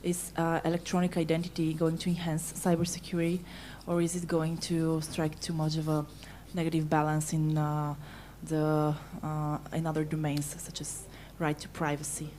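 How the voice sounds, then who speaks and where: Low, flat-voiced woman asking a question. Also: normal speed, slight background noise. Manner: hesitant, with fillers. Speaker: university academic asking a question. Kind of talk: question from the floor. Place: conference room.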